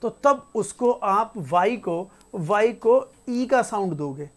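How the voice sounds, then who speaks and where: A woman teaching spelling rules in a casual classroom style. She reads each rule out slowly and repeats the example words. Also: mid-range voice, expressive. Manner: casual, conversational teaching with frequent checks like "theek hai". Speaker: English teacher.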